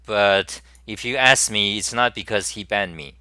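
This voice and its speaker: A man's voice: lowish voice, measured pace, sharp tone, smooth, dry recording, clean studio sound. A man hosting his own casual live-stream talk show, speaking in a rambling way with many fillers and restarts. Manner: reads viewer chat messages aloud.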